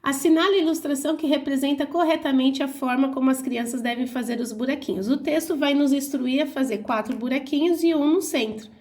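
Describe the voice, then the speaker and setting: A young adult woman teacher with a Brazilian Portuguese accent, slowly and clearly explaining workbook answers to her pupils. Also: high voice, a little mellow. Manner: slow, clear, didactic, spelling out syllables. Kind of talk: reading and explaining a school workbook.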